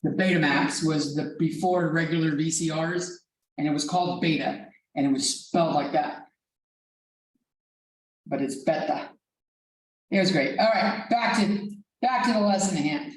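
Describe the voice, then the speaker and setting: A woman professor gives a math lecture in a low voice at a moderate pace, and she's captured from a distance in a reverberant classroom. Her teaching is casual and prone to digressions, with some swearing.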